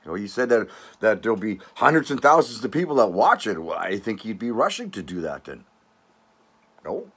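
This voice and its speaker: A man's voice: fairly low pitch, big pitch swings, fairly quick, fairly bright tone, slightly rough. An older man from Canada hosting his own channel, ranting at viewers with sarcastic, mocking scorn, rambling with restarts and tag questions like "eh" and "all right". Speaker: channel host.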